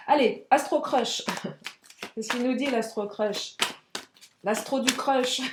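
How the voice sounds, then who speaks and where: A woman giving a casual, chatty tarot card reading to her viewers, expressive and frank, with frequent exclamations. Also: a little high, echoey room, background noise. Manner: frank and outspoken. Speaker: tarot and oracle card reader.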